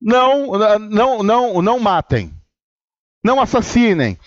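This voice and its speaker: A man's voice: high voice, big pitch swings, unhurried, no room sound, dull audio. A man from Brazil, a pastor giving a humorous, conversational sermon and acting out his own inner dialogue.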